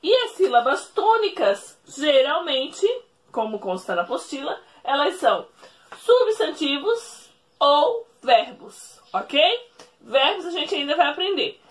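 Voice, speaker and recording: A woman teacher explaining a lesson at a whiteboard, speaking slowly, repeating each rule and checking in with the class. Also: sits high, sing-song. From Brazil. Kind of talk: recorded remote classroom lesson.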